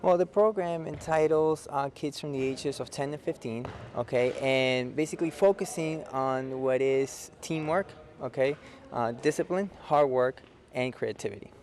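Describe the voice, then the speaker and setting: A man's voice: mid-range voice, moderate pace, a little mellow, a little hiss or hum. Man from Peru coaching, saying "okay?". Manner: explains simply, keeps adding "okay?" to check in. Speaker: youth futsal coach. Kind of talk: local cable TV interview. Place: indoor futsal facility.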